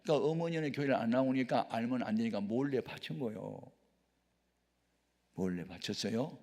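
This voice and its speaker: An older male pastor telling a story in a sermon, animated and acting out the voices of the people in it. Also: mid-range voice, moderate pace. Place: church sanctuary. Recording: echoey hall.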